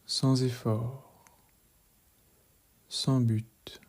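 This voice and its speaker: A man's hushed, soft voice, medium in pitch, guides listeners through relaxation and frequently fades to a whisper. His delivery is calm and measured, gently instructive throughout.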